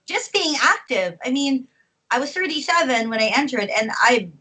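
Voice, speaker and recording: Woman, forties, from the Philippines, chatty, laughs a lot, slightly high, bright tone. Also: animated, normal speed, husky, low-quality recording. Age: 40s. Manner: chatty, laughs often between phrases. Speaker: professional wrestler guest. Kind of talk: casual interview chat.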